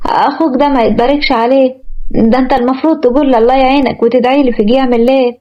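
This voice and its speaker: A woman with an Egyptian accent voicing a defiant, stubborn young bride who talks in quick, sassy retorts. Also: high voice, steady tone, lightly acted. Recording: muffled lo-fi recording.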